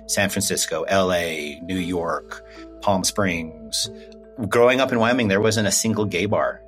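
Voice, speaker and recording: A man's voice: low-pitched, unhurried, a bit bright, faint music behind. A man interviewed for a podcast, recalling a friend hesitantly in a casual way. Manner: hesitant, with fillers and restarts. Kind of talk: casual recollection.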